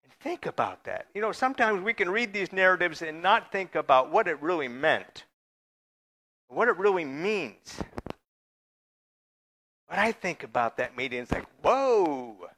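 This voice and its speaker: A man preaching to his church in a loose, conversational way, now and then joking with the people in the pews. His voice sits a little high and rings bright and forceful. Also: expressive, moderate pace, long pauses. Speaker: pastor. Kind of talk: sermon.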